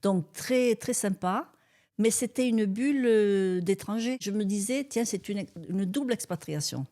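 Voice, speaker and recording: A woman's voice: mid-range voice, measured pace, dark tone. An older woman with a southern French accent, telling stories as a guest in a chatty way with frequent laughs. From Tarn, southern France. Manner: chatty, laughs often, colloquial fillers. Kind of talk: relaxed storytelling interview.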